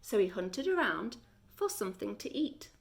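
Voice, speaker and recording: A woman reading a children's story aloud like a teacher, deliberate and expressive, with dramatic pauses. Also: medium pitch, creaky.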